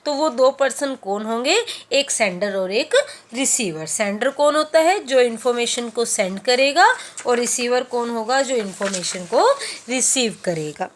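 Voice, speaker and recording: A woman teaching a class, who explains by asking and answering her own questions and slows down on key terms. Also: fairly high pitch, expressive. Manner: mixes in English terms, slows down on key phrases. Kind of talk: classroom lecture.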